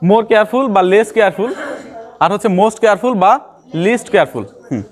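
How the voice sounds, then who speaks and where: A man's voice: high-pitched, lively intonation, slow. A man teaching English grammar in a classroom style, explaining step by step and repeating key terms.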